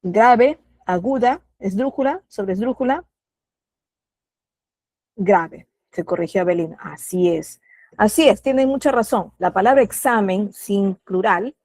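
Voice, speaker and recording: A woman's voice: medium pitch, a little mellow, no echo. A middle-aged woman with a Peruvian Spanish accent teaching an online class, patiently asking questions and calling on students by name.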